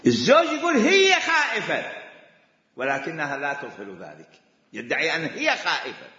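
A lively Iraqi-accented man lectures a class, his pitch jumping around as he drives each point home with repetition. His voice is bright and a little high, and it rings through a large echoey hall on a dull, lo-fi recording. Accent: Iraqi Arabic. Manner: animated, repeats points with emphasis. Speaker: religious law teacher.

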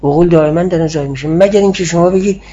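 Muffled, husky male lecturer explaining slowly. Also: fairly high pitch, dark tone. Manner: measured, explanatory, answers student questions. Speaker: teacher of Islamic philosophy. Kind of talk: classroom lecture. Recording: muffled lo-fi class recording.

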